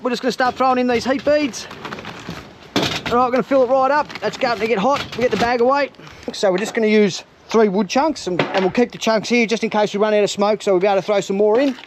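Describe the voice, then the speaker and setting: A man's voice: extremely high pitch, background noise. An Australian man hosting a fishing and cooking vlog, chatting casually and upbeat to his viewers. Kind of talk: casual outdoor vlog commentary.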